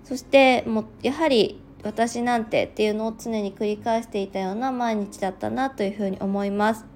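A woman in her thirties who hosts a casual solo podcast as a working mother, talking in a soft, reflective way with frequent fillers and a slightly sleepy, slow tongue. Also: mid-range voice, a little hiss or hum. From regional Japan.

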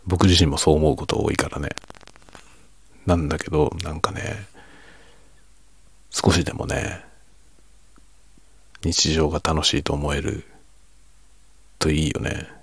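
Very deep, quiet-voiced man chatting. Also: level tone, measured pace, long pauses, slightly rough, no room sound. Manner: reflective, self-deprecating, soft-spoken. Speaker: streamer and hobby novelist. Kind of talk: quiet late-night casual monologue in a low voice.

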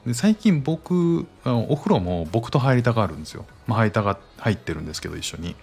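A man in his thirties from Japan, hosting a solo podcast and telling stories in a relaxed, rambling way with many fillers. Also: mid-range voice, fast talker, breathy edge, soft background music. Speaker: podcast host and father. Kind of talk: casual solo podcast chat.

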